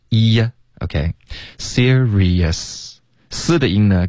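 Deep-voiced man teaching English pronunciation. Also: a little mellow, no room sound. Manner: explains pronunciation slowly, repeats English words. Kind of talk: radio English lesson.

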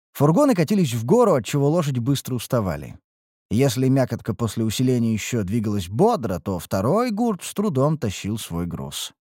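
A man narrating a fantasy audiobook in the first person, expressive and storytelling. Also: mid-range voice, dry recording, clean studio sound.

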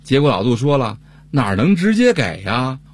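A man's voice: medium pitch, big pitch swings, moderate pace. A man co-hosting a comedy show, telling a funny story in scripted banter. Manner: comic storytelling, acting out a neighbor's lines. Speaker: co-host.

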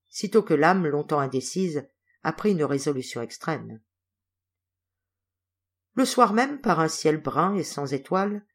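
Woman narrating a classic novel. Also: deep voice. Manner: measured, expressive reading. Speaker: audiobook reader. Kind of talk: literary audiobook narration.

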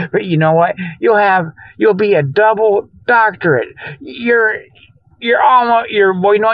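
Here a middle-aged man with a high-pitched voice, a little tired and weary, hosts a comedy Bigfoot show. His improvised monologue wanders through folksy jokes and mock sales pitches, and he laughs at his own gags. The recording has a dull lo-fi radio quality and no echo.

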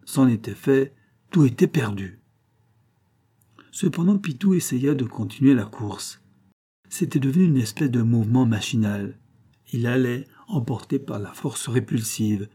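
Man, audiobook narrator, husky voice, mid pitch, measured expressive reading.

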